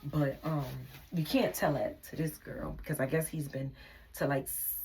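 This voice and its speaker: A woman's voice: low-pitched, steady tone, moderate pace, a little mellow, a little hiss or hum. A young woman telling a personal relationship story in a candid, venting storytime vlog, sometimes dropping into a whisper.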